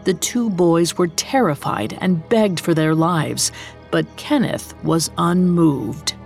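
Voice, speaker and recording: A woman's voice: lowish voice, slow, creaky, a little mellow, soft background music. A woman narrating a scripted true-crime story in a dramatic, storytelling manner. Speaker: podcast narrator.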